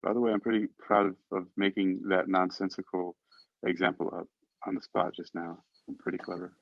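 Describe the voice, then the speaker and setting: A man's low voice, fairly even in intonation, moves a little fast in a casual poetry podcast where he hosts, discusses and reads poems. He questions things with playful mock exasperation. The lo-fi recording is dull but has no echo.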